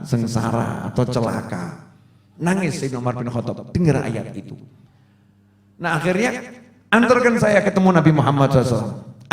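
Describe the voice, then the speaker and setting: A man preaching to a congregation in with a tinge, telling the story vividly, acting out the quoted lines and joking with the audience. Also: on the high side. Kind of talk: religious lecture storytelling. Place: large assembly hall. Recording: very echoey hall.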